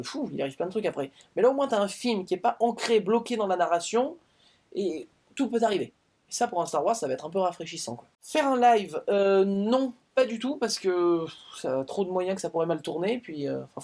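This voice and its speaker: A man's voice: sits high, a little mellow. A man hosting his own review show, talking casually to his viewers and hesitating often on "euh". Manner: chatty, filler-heavy, with frequent "euh" hesitations. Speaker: film and series critic, show host. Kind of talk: casual talk to the camera.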